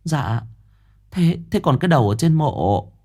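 A woman's voice: low-pitched, very animated, a little slow, warm tone, voice pushed up, exaggerated voice. A man voicing an anxious, fawning middle-aged mother who pleads deferentially.

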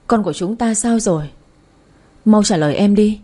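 A woman's voice: medium pitch, normal speed, dark tone, lightly acted. A woman voicing a young woman grieving the loss of her baby, pleading and tearful, in an audio story. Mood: distraught. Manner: sobbing, pleading.

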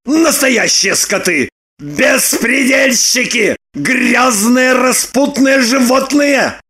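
A woman voicing a hot-tempered, sarcastic grown man in an audiobook, prone to shouting outbursts. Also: on the low side, big pitch swings, measured pace, breathy edge, heavily acted. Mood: raging. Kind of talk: audiobook character reading.

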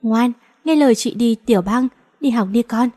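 A woman reading as a gentle, grieving mother coaxing her daughter in a soft voice. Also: on the high side, moderate pace, natural voice. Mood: soothing.

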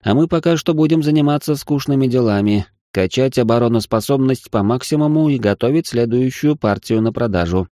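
A man voicing a loud, excitable male partner who scolds and bosses in an audiobook reading. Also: mid-range voice, brisk, hardly any pauses, dry recording, studio quality, voice pushed up, lightly acted. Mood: bossy. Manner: shouting, exasperated scolding.

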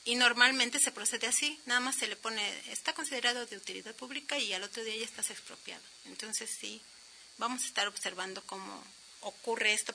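A woman's voice: mid-range voice, pushed and bright, a little hiss or hum, poor audio. A woman hosting a radio news show, explaining a law and telling listeners where to find it. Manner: explanatory, addresses listeners directly.

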